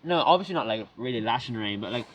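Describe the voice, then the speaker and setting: A man's voice: mid-range voice, expressive, fast talker, a crowd in the background, low-quality recording. A man co-hosting a casual podcast, chatty and jokey, talking over his friends indoors. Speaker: podcast co-host. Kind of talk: casual chat among friends. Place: indoor room with windows open. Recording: background noise, rain heard.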